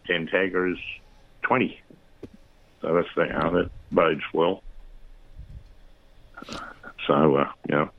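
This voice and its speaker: An Australian man giving a fishing report in casual radio chat, rambling with lots of fillers and restarts. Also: low-pitched. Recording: dull lo-fi line.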